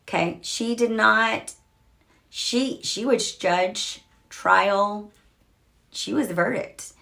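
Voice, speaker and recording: Woman, true crime host, casual talk, slow delivery, lots of ums and restarts. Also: mid-range voice, gravelly, sharp tone. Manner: slow, conversational, many fillers and restarts.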